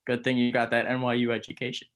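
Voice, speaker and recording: A man in his early twenties chatting as a guest, with dry, wry remarks and a measured delivery. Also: mid-range voice, completely flat delivery, a bit bright. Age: 20s. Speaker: podcast guest. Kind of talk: casual chat.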